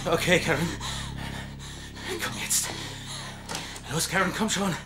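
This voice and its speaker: A man's voice: sits high, takes it slowly, heavy background noise. A man playing an urgent, protective and commanding armed hero in a dubbed film thriller. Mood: urgently reassuring.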